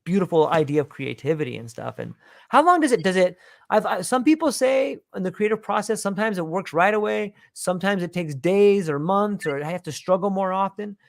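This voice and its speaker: A man hosts a casual podcast conversation in a somewhat higher voice than most men. He muses and circles back on his thoughts, talking in a rambling, reflective way. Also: expressive, fairly quick, gravelly. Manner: meandering, reflective talker. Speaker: podcast host; father.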